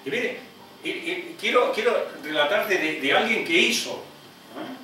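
A man, an evangelist preaching a sermon emphatically, often rising high on repeated phrases and adding "¿eh?" asides. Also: expressive, a little slow, sharp tone, faint music behind. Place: church. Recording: echoey hall, heard from a distance.

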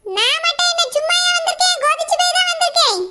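A woman's voice: very high voice, quick pace. A woman with a Kanyakumari Tamil accent, playing an older village woman who scornfully accuses and curses the other family. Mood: accusing. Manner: scornful, accusing, shouting in a street quarrel. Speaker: angry mother of the groom's side. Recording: loud background noise.

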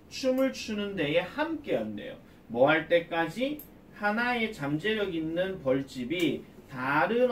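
In an echoey classroom, picked up from afar, a male academy English teacher explains a reading passage, firing questions at the students and then answering them on his own. His voice is slightly high, and there's a bit of background noise.

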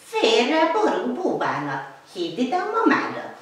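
A woman's voice: a little high, huge pitch swings, a little hiss or hum. A woman playing a cheeky, chattering magpie in a children's stage play, chirping and sassy. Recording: echoey hall from far off.

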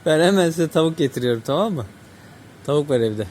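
A man with a slightly high voice films a casual vlog outdoors, talking tenderly and playfully to a group of stray cats. Cats meow around him over a faint hum of street ambience. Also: animated, fast, a little mellow. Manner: tender, coos and baby-talks to stray cats. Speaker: vlogger. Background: cats meowing, faint street ambience.

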